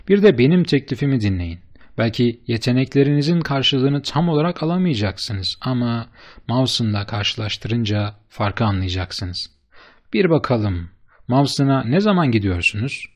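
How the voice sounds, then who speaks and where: A man's voice: mid-range voice, moderate pace. A man doing an eager, effusive bearded businessman. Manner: effusive, flattering, emphatic. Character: eager, fast-talking bearded businessman, middle-aged man.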